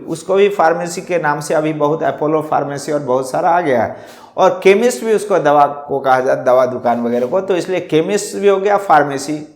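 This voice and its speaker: A man's voice: fairly high pitch, brisk, roomy sound. A man teaching a lesson, going through word pairs one by one and repeating each term as he explains it.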